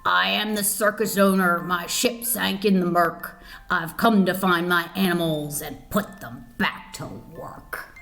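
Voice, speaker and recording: A woman's voice: lowish voice, measured pace, gravelly, fairly bright tone, soft background music. A woman voicing a greedy, stern male circus owner in a storybook, declaring his demands.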